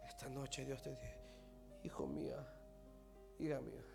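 A man preaching a sermon, swinging from loud, fast preaching to hushed whispers. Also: medium pitch, very animated, creaky. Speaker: pastor. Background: music playing.

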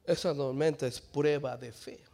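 A male pastor preaching a sermon, swinging between low quiet passages and shouted climaxes, acting out quoted dialogue, with frequent restarts on words. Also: fairly even intonation, normal speed, gravelly. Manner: stumbles and restarts on words, switches briefly to English.

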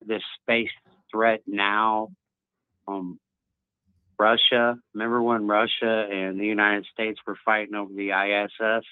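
A man's voice: lowish voice, flat delivery, measured pace, smooth, dry recording. A man calling in to a talk show over the phone, rambling through conspiracy theories in casual chat. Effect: heard over a phone line. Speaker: caller. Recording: tinny phone line.

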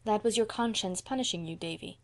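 A gentle young woman from a storybook , voiced by a woman reader. She speaks softly and patiently, with the kindly gravity of someone comforting a child. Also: mid-range voice, a little fast, close to an everyday voice. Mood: gentle, grave. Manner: soft-spoken, grave, kindly. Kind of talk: audiobook character voice.

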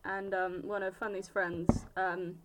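A woman's voice: mid-range voice, little pitch movement, measured pace, a bit bright, a little hiss or hum. A young woman chatting casually as a podcast co-host, telling stories with playful self-deprecation. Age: young adult. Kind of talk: casual chat.

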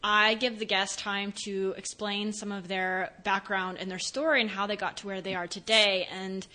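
A woman hosts a podcast with an upbeat, enthusiastic manner and a middle-pitched voice. Her talk is casual and chatty as she introduces her guest. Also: steady tone, normal speed, bright, forceful tone. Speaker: podcast host.

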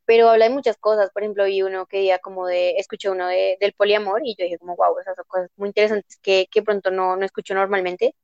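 A woman's voice: medium pitch, little pitch movement, quick pace, hardly any pauses, darkish tone, clear, resonant tone, no echo, dull audio. A woman with a Bogotá accent, a podcast guest chatting casually, hesitant with many fillers. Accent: Bogotá Spanish. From Bogotá, Colombia.

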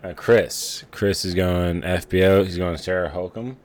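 A man's voice: deep voice, measured pace, darkish tone. A man co-hosting a podcast, chatting casually and teasing dryly during a fantasy draft. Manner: dry, teasing. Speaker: podcast co-host.

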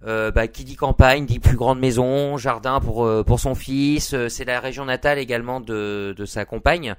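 A man's voice: mid-range voice, steady tone, normal speed, no echo. A man hosting a casual sports podcast, chatty and joking, peppering his talk with fillers. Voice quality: smooth, lots of "hein" fillers. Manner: chatty, laughs easily, joking. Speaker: podcast host.

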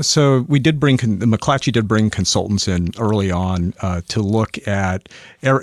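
A man talking as a podcast guest, measured and thoughtful, often repeating words as he works out a point. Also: deep voice, no room sound, studio quality. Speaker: podcast guest, sales executive. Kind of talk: podcast interview.

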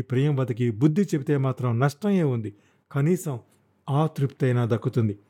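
A man narrating a thriller novel as an audiobook in a steady, dramatic storytelling manner. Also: medium pitch, breathy edge. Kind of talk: scripted narration.

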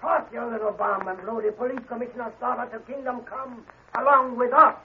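An actor playing a brash, gruff male gangster in a 1940s radio drama. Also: extremely high pitch, steady tone, a little fast, highs cut off. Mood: menacing. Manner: brash, gruff tough-guy talk. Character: rough male gangster kidnapper. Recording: scratchy old radio recording.

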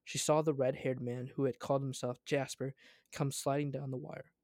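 A man's voice: medium pitch, little pitch movement, moderate pace, darkish tone, no room sound. A man reading a story aloud, often stumbling and correcting himself as he goes.

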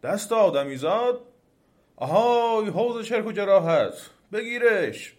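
A man's voice: sits high, lively intonation, darkish tone, pitched above the performer's own voice. A man voicing a drowsy, bad-tempered male demon guarding a garden, mumbling half-asleep and bellowing orders.

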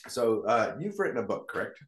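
A man's voice: on the low side, sing-song, a little fast, fairly bright tone. A man hosting a casual interview, his voice ringing with a heavy canyon-like echo from a new, echoey location, often checking in with "right?" and "correct?". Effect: heavy echo, like talking in a canyon. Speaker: podcast host.

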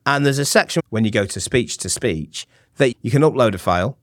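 Chatty Manc podcast host. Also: male voice, medium pitch, animated, fairly quick, no echo, studio quality. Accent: Mancunian. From England. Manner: chatty, self-deprecating explainer. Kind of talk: casual chat.

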